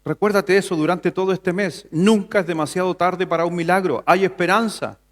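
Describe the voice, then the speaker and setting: Chilean pastor preaching a Sunday sermon. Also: male voice, steady tone, moderate pace. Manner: preaching with rhetorical questions, rising to an emphatic pitch. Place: church sanctuary.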